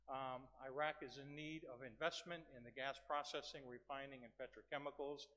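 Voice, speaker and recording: A man delivers a podium speech at a conference in a mid-pitched voice. He presents formally and slips in modest, informal asides as he goes. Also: fairly even intonation, normal speed, sharp tone. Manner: informal asides, self-deprecating. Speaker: conference speaker. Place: large conference venue, speaking from a podium.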